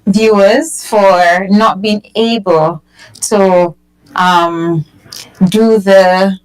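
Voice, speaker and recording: A woman's voice: medium pitch, fairly even intonation, drawn-out words, clear, resonant tone, poor audio. A woman guest who is a personal trainer, chatting casually and often repeating words as she talks. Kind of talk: casual chat.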